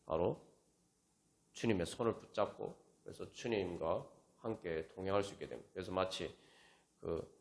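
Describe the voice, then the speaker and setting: A man preaching as pastor at a Friday prayer meeting, talking conversationally and prodding his listeners with rhetorical questions. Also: low-pitched. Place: church sanctuary. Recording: echoey church room with faint instrument music.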